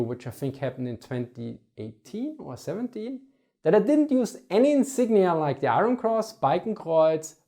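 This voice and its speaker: An Austrian man whose native language is German hosts a history channel, speaking to the camera in a reflective, measured way with an Austrian German accent and sometimes correcting himself. His voice sits fairly high but has a darkish tone.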